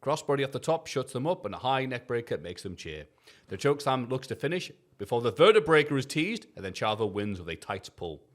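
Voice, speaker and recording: A man's voice: medium pitch, big pitch swings, a little fast. A man co-hosting a wrestling review podcast, reading his written recap in a jokey, casual way, swearing and laughing often.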